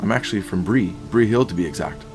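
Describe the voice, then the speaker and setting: A man's voice: lowish voice, animated, quick pace, a little mellow, faint music behind. A man voicing a modest young male hobbit traveler who speaks plainly and a little hesitantly.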